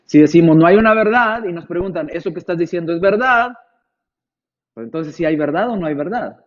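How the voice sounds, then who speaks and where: A man's voice: high-pitched, fairly quick, muffled recording. A man preaching a conversational sermon, asking rhetorical questions and acting out imagined replies from listeners.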